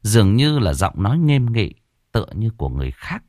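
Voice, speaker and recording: Low-voiced man narrating a horror tale. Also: fairly quick, dry recording, clean studio sound. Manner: expressive storytelling. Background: faint background music.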